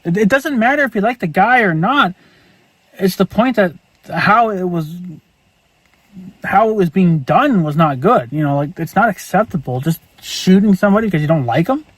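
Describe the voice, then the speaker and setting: A man's voice: high voice, expressive, normal speed, no room sound, rough recording. A man ranting angrily and profanely in a casual vlog monologue, repeating himself as he goes. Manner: angry, profane, repetitive ranting. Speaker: vlogger.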